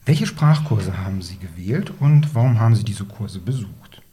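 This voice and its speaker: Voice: sits low, animated, normal speed, dark tone, husky. An interviewer asking polite, formal questions in a short university interview.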